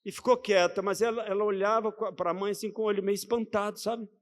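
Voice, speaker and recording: A man with a Brazilian Portuguese accent preaches in a fairly high voice. He keeps it conversational and checks in with the congregation through rhetorical questions. His voice rings out with the long reverb of a church hall. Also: steady tone, quick pace. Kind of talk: sermon.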